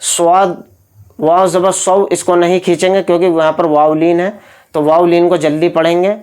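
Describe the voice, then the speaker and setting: A man's voice: high-pitched, flat delivery, normal speed, darkish tone, smooth. A man teaching Quran recitation, patiently explaining each letter and drawing out the sounds as he demonstrates. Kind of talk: slow, methodical recitation lesson.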